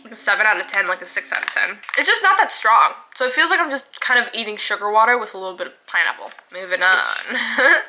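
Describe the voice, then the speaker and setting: A woman's voice: mid-range voice, animated, quick pace, noisy background. A young woman reviewing snacks in a casual vlog, chatty and laughing often, filling her talk with "like".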